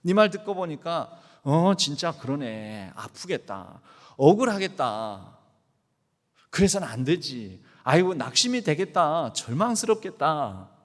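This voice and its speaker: A kindly God figure, voiced by a male pastor who sounds like an old man from Jeolla, dropping into a low, hushed, sympathetic drawl. He talks slowly and gently. The voice hangs in a long, echoing church hall. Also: big pitch swings. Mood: consoling.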